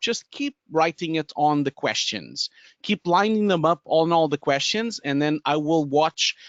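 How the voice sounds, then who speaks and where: A chatty man with a Portuguese accent presents a live webinar from a home studio, speaking into a headset mic. His voice sits a little high and comes through dry, with a dull, lo-fi webinar sound. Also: fairly bright tone, no echo. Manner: chatty, many fillers and restarts, laughs often. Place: home studio room with bookshelves. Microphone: headset with boom mic.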